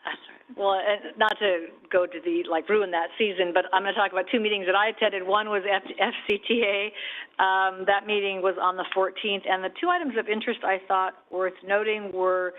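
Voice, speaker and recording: High-voiced man chairing a council meeting. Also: fairly even intonation, a little fast. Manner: joking, teasing asides. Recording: tinny phone-like broadcast audio.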